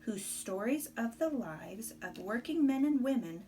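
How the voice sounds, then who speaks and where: Here a woman reads rhymes from a picture book to a young child in a careful, expressive storytelling manner, tossing in casual asides. Her voice leans high, with a faint hiss or hum underneath.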